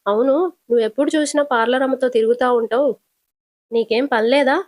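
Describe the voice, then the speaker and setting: A woman's voice: fairly high pitch, steady tone, fast talker, darkish tone, dry recording, clean studio sound, lightly acted. A woman telling it as a blunt teasing cab driver. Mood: needling. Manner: teasing, probing questions.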